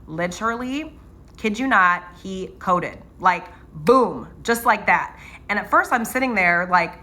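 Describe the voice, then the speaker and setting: Bright-voiced woman giving animated advice. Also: mid-range voice, a little slow. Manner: animated storytelling, frequent fillers and "right?". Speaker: nurse anesthetist and channel host. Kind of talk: casual motivational talk to students.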